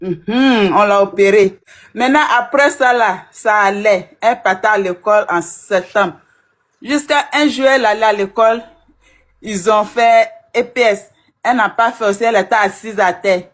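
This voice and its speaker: A woman's voice: medium pitch, normal speed. A middle-aged woman, recounting plainly on a live call. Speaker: caller's mother.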